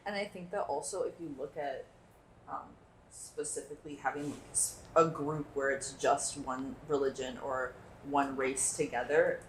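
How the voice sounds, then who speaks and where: Low-voiced young woman, echoey crowd. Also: fairly even intonation, moderate pace. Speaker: panelist. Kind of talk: casual discussion. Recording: echoey room with crowd behind.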